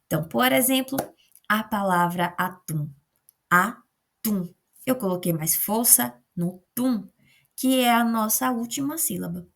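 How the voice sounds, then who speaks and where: A woman's voice: on the high side, lively intonation, a little slow, gravelly. A woman with a Brazilian Portuguese accent, teaching a remote lesson as a teacher, explaining patiently step by step and often checking in with short tag questions.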